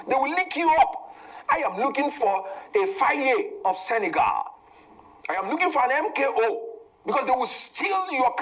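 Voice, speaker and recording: A Nigerian man speaking as a guest in a heated political interview, shifting from low, measured talk to loud, fiery outbursts. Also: poor audio.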